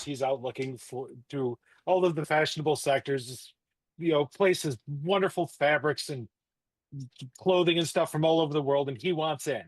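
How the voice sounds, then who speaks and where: A man's voice: fairly high pitch, no echo. A man playing a tabletop game, explaining his character's plans in an easygoing way. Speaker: player.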